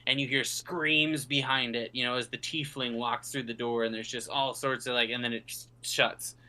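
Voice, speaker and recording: A man narrating a tabletop game as game master, with a bright, clear tone. He rambles through vivid descriptions, often pausing on fillers. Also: medium pitch, steady tone.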